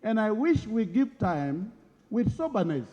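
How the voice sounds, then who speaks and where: A male member of parliament speaks earnestly, his voice high and lively as it rises and falls. The dull broadcast audio carries a long reverberant tail from the chamber. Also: a little slow. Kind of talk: parliamentary speech.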